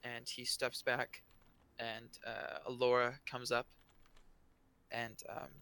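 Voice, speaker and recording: A man narrating as game master of a tabletop game, in a halting, hesitant way. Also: mid-range voice, flat delivery, vocal fry, sharp tone.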